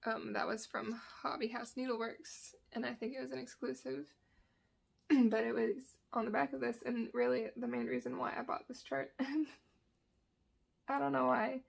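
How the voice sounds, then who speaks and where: A woman's voice: sits high, flat delivery, normal speed, creaky. A woman with a dry throat, rambling casually as she shows off her cross-stitch projects. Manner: rambling, chatty, self-correcting. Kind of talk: casual chat. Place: indoors at home, sunny spot.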